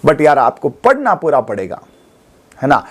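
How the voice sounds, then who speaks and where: A man's voice: mid-range voice, huge pitch swings, a little slow, breathy edge. A man, teaching an exam coaching class in a studio. He keeps checking in with his students as he goes.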